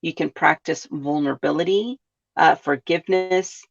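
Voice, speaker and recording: On a reflective self-help podcast, a woman from California talks at normal speed in a low-pitched, gravelly voice. She regularly asks her listeners questions and adds "right?". The audio has a dull, lo-fi quality.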